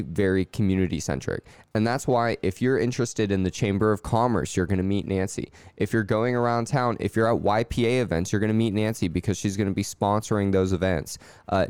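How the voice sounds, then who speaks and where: A man hosting a podcast, reading intros and a sponsor message in a friendly, steady way. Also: lowish voice, clear, resonant tone, no echo. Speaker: podcast host. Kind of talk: scripted intro and sponsor read, casual chat.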